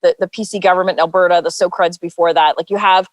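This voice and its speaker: A woman's voice: on the low side, steady tone, fast talker, dry recording. Female panelist, easygoing, hedging delivery, dry recording. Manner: conversational, hedging with "I think". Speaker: political panelist. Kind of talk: casual panel chat.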